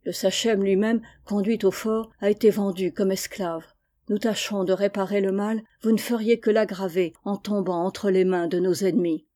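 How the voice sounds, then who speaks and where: Woman reading a grave, kindly captain pleading with urgency; mellow voice. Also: medium pitch, steady tone, normal speed, natural voice. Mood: urgent. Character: stern but kindly army captain, urgent.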